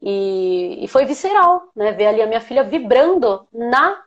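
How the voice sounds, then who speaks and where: A woman with a Brazilian Portuguese accent, an aromatherapist hosting a live chat, talking in an animated, emotional way. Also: fairly high pitch, moderate pace, lo-fi sound. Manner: animated, emotional, laughs while telling. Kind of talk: casual live chat storytelling.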